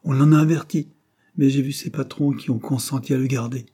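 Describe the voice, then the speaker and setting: A man voicing a tired, patient father with a dry humor in an audiobook, speaking calmly and gently wry. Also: mid-range voice, brisk, breathy edge, pitched above the performer's own voice, lightly acted.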